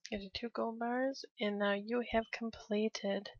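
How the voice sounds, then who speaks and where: A woman casually narrating a game walkthrough step by step, relaxed and prone to laughing. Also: fairly high pitch, a little slow, no echo. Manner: relaxed, laughs often, cheers at a blast. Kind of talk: casual gameplay commentary. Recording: dry, slightly dull lo-fi.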